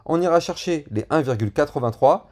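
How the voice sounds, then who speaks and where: This man, a crypto YouTuber, has a fairly high, slightly mellow voice with lively intonation and a fairly quick pace. Chatting loosely, he analyzes crypto price charts and plugs his channel, his speech full of fillers and slang.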